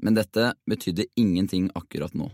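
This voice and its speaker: A man narrating a children's novel in a steady, expressive audiobook reading. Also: sits low, dry recording, clean studio sound.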